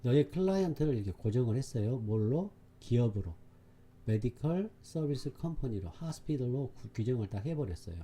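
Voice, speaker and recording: A man teaches an English exam-prep lesson, explaining a reading passage while emphatically repeating key words and frequently checking that the class follows. His medium-pitched voice has a dark tone and lively intonation, and he talks a little fast over slight background noise.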